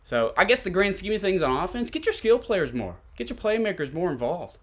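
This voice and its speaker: Animated Tennessee man talking football. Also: high-pitched, a little fast. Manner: poses pointed rhetorical questions, repeats points. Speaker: sports podcast host. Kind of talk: solo football commentary, conversational analysis.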